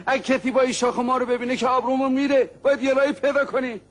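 A man's voice: very high voice, fairly even intonation. An actor playing a fussy, flustered father who stammers and chuckles.

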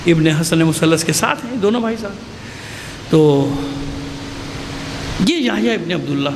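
A man's voice: sits high, fairly bright tone, slight background noise. A man preaching a religious sermon, telling a historical story with passion and putting rhetorical questions to the audience. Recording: long hall reverb, faint ambience.

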